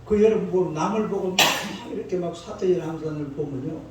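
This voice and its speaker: This older man, a pastor in his sixties, delivers a dawn sermon that's homespun and scolding, coaxing responses from the congregation. He speaks fast in a high-pitched voice. Captured in a church sanctuary, the sound is echoey and distant, with a little background noise.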